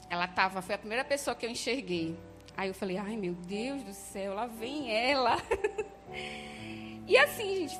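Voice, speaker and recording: A woman giving a heartfelt personal faith testimony, hesitant and often checking in with her listeners. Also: on the high side. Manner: heartfelt, hesitant, frequent "né?" tags. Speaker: church member giving testimony. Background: faint music.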